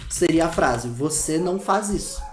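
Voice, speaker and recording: A man with a Brazilian Portuguese accent teaching English phrases in a casual lesson, lively and slowing down to repeat the examples. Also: on the high side, reverberant. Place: room with dogs barking outside.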